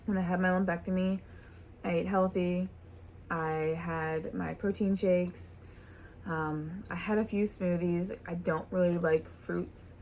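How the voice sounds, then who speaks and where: A woman's voice: lowish voice, steady tone, unhurried, darkish tone, a little hiss or hum. A woman hosting a vlog, chatting casually while eating a meal at home. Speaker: vlog host. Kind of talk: casual chat over a meal.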